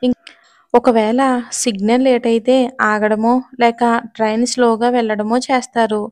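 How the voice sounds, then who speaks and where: Female narrator for a serialized audio story; measured and steady, fairly high, little pitch movement. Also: no echo.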